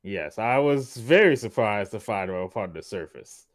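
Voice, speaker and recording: A man's voice: on the low side, animated, no echo, clean studio sound, lightly acted. Man playing a tipsy, good-natured engineer. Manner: halting, laughing, full of fillers.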